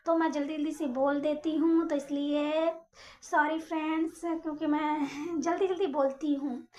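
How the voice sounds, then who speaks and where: Young woman, high voice, rapid chatty home vlogger, casual voice-over. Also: highs cut off. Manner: rapid, chatty, apologizes for talking fast.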